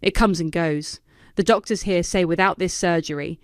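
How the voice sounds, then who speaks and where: A woman voicing a weak, soft-spoken young man. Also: fairly low pitch, moderate pace, no room sound, studio quality, close to an everyday voice. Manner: soft, barely audible, trailing off.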